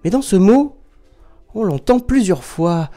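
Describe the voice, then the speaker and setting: A man's voice: high voice, lively intonation, measured pace, mellow, soft background music. A man teaching young children from home, patiently spelling out syllables and counting down with a small child nearby.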